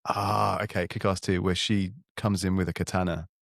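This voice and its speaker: Male co-host, lowish pitch, self-mocking and playful, dry booth sound. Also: little pitch movement, normal speed, creaky, no room sound. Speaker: podcast co-host. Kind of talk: casual chat.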